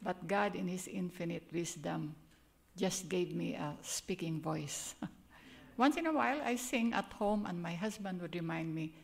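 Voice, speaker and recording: This guest speaker is an older woman from the Philippines who preaches a sermon and leads a prayer in church, earnest and chatty, laughing at herself along the way. Her Filipino-accented voice is on the low side and creaky, and her pace is measured.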